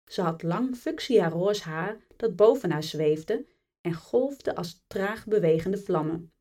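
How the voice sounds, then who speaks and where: A woman reading a chapter of a fantasy book aloud as a bedtime story, in a calm and measured way. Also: fairly low pitch, distant mic. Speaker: audiobook reader.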